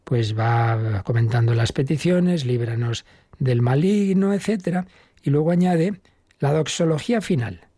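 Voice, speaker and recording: A man, a priest, giving an unhurried catechism talk and repeating key phrases for emphasis. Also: mid-range voice, expressive, warm tone, husky, dry recording, studio quality.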